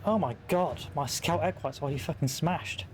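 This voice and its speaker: A man's voice: fairly high pitch, moderate pace. A man giving casual, blunt, sweary commentary as he plays a game. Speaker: gamer. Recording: game music behind the voice.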